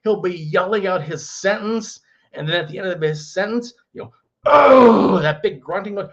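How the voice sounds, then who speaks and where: A middle-aged man telling a rambling landlord story, acting out quotes in sudden shouts. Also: high-pitched, normal speed, highs cut off. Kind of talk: casual storytelling vlog.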